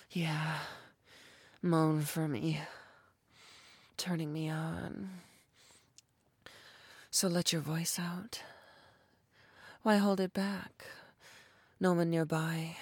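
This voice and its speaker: A woman plays a dominant non-human creature with a tail, teasing and commanding in an intimate audio roleplay. She speaks low and slow, with a gravelly, breathy texture and frequent close whispers. The recording is dry, with no room sound. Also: no echo, heavily acted. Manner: sultry, commanding, often whispered. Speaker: voice actor.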